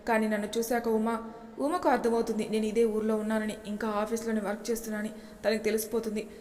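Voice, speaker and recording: A woman's voice: fairly high pitch, flat delivery, fast, darkish tone, slight background noise, close to an everyday voice. Woman voicing an anxious young man, echoey. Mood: longing. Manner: worried, earnest inner musing. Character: young man, anxious and longing office worker. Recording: long reverb echo.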